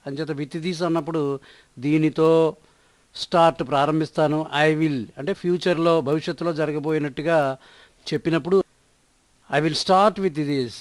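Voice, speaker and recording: A woman's voice: low voice, no echo. A woman teacher giving a spoken English lesson, repeating each phrase and spelling words out letter by letter.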